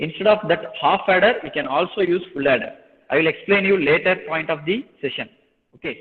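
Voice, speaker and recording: A man with a Tamil Nadu Indian accent, a native Tamil speaker, lecturing to a class in a repetitive, explanatory way with check-in questions. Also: on the high side. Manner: repetitive, explanatory, switching between Tamil and English. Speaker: engineering lecturer teaching an online class. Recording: thin phone-like line, long hollow reverb.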